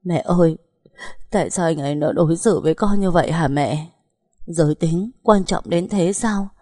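A woman's voice: moderate pace, mellow, husky, no echo, clean studio sound. A woman voicing a distraught young pregnant woman who pleads and sobs in a raised, strained voice. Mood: sobbing. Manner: sobbing, pleading, pitched up.

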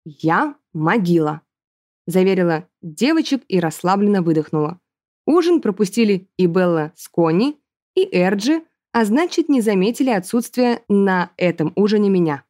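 A woman narrating a first-person fantasy audiobook in a lively, expressive way. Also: mid-range voice, normal speed.

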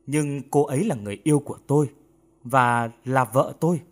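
A man's voice: fairly high pitch, huge pitch swings, normal speed, breathy edge, voice pushed up, heavily acted. Man voicing a young champion fighter. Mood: resolute. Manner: sharp outbursts.

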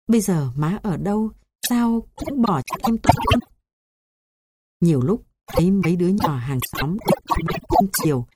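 A woman reading a memoir aloud in a measured, sorrowful way. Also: lowish voice. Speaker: narrator. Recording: noisy hissy recording.

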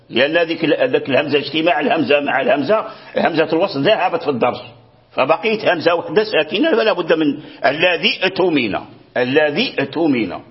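On a muffled recording, a higher-pitched man teaches a student the rules of Quran recitation. His explanation is full of repeated words and frequent restarts, and he regularly confirms that the student is keeping up.

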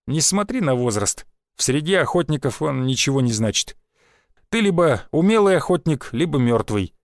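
A man's voice: a little high, animated, no echo, clean studio sound. A man voicing a blunt, coarse veteran hunter and mentor with a short temper. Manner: blunt, coarse, quick to anger.

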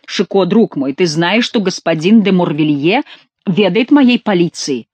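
A sleepless, fretful king who pleads and presses for answers, read by a woman narrator. The voice sits on the low side. It is recorded close and dry. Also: expressive, unhurried, darkish tone, breathy edge, no echo. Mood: plaintive. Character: weary anxious French king, man.

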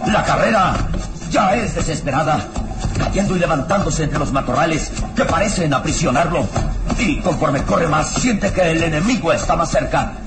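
Male narrator, dramatic radio serial, solemn, suspenseful, slightly high voice, loud musical backing. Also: normal speed, over loud music.

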